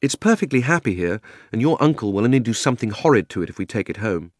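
A man voicing a dreamy but sharp-tongued young girl in a storybook reading. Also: medium pitch, very animated, no room sound, clean studio sound. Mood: urging. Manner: quick, insistent, corrects the boy.

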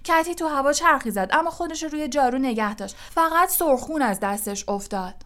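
A woman voicing an excitable young male quidditch commentator in an audiobook, calling the match fast and loudly taking sides. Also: fairly high pitch, pitched above the performer's own voice, lightly acted. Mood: excited. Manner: rapid, shouting, openly partisan commentary. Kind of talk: audiobook character voice.

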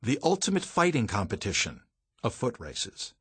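A man's voice: mid-range voice, huge pitch swings, moderate pace, fairly bright tone, slightly rough, dry recording. A man reading a first-person audiobook, telling the story in a dramatic, vivid way. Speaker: audiobook narrator.

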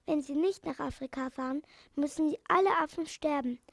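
An urgent little swallow from a children's story, begging for help in a pleading voice, as a woman reads her part. High and slightly gravelly, recorded close and dry. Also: fairly quick, no echo.

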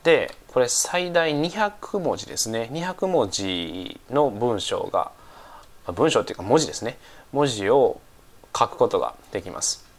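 A man teaching English in a casual lesson, slightly stuffy-nosed from a cold, speaking unhurriedly with many fillers and repeating phrases slowly. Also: medium pitch, very animated.

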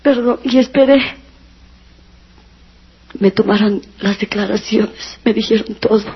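A woman's voice: mid-range voice, a little slow, breathy edge. A woman giving a personal religious testimony, earnest and emotional, sometimes near tears, on a dull lo-fi recording.

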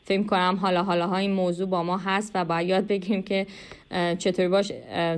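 A young adult woman from Iran with an Iranian Persian accent, giving conversational interview answers in a hesitant, reflective way with drawn-out pauses. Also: medium pitch, smooth. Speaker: interview guest, animation artist.

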